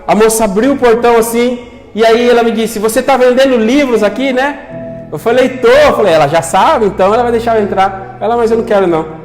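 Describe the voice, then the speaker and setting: Young male preacher, high voice, storytelling sermon with soft music underneath. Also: quick pace. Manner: storytelling, acting out quoted voices, earnest appeals. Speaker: pastor. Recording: long hall reverb with soft music.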